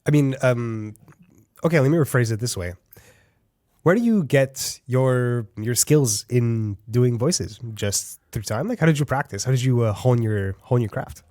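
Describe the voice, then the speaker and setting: A man's voice: mid-range voice, unhurried, darkish tone, no echo, studio quality. A man hosting an interview, asking playful, curious questions. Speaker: interview host. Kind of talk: casual interview.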